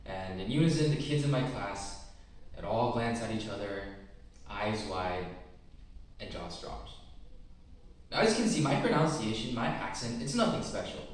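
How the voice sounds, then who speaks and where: A man's voice: on the low side, big pitch swings. A teenage boy with a West Coast American accent, giving a reflective prepared talk as a student speaker. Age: teens. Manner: reflective, measured storytelling. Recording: very echoey room, mic at a distance.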